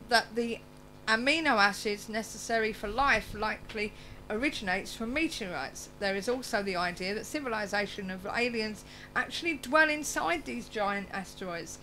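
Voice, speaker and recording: A woman hosting a radio show reads aloud, adding chatty asides and stumbling over words, her speech slightly slurred as though from loose dentures. Her medium-pitched voice has a sharp tone, and the low-quality recording carries clear background noise and hum.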